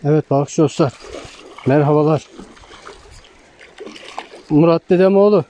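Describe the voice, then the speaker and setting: A man narrating his fishing trip outdoors on a stream bank in a calm, casual way, giving tips to viewers while filming first-person. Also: fairly high pitch, a little slow, slight background noise. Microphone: handheld camera filming first-person.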